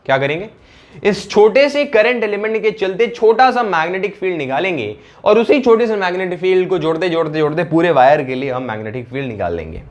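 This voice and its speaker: A man with a high-pitched voice teaches physics in a casual, talkative style. He repeats his key phrases and keeps checking with the class by asking yes or no. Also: animated, brisk. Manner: conversational, repeats phrases, asks "yes or no?" often. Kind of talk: classroom lecture.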